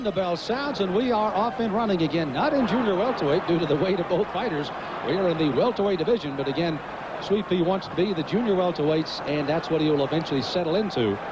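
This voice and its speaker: A man with a fairly high voice gives live boxing play-by-play. The ringside broadcast sounds muffled, with loud noise all around him. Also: animated, fast. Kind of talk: live sports commentary.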